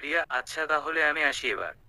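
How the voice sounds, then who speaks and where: A man's voice: fairly high pitch, lively intonation, a little fast, gravelly, sharp tone, no room sound, heavily acted. A man voicing an impatient young woman. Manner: impatient, direct questioning.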